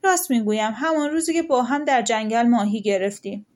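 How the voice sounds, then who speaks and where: A woman's voice: on the high side, darkish tone, lightly acted. A woman voicing a stubborn, chatty peasant wife who insists on her story in a folktale audiobook. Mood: insistent. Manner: indignant, insistent. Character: talkative stubborn peasant wife, hot-tempered.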